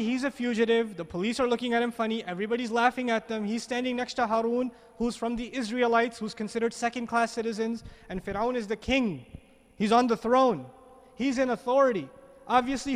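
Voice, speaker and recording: A man's voice: very high voice, long reverb tail. A man giving a Quran commentary lecture, asking the audience rhetorical questions and repeating words as he searches for them. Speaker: religious lecturer.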